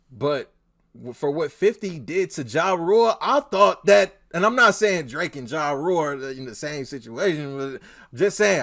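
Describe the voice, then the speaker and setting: A man reacting to a clip in a loose, casual way, laughing and talking back at it. His voice swings between loud excited bursts and low mutters, with a lively pitch. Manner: animated, laughs often, talks back to clip. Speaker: reaction streamer.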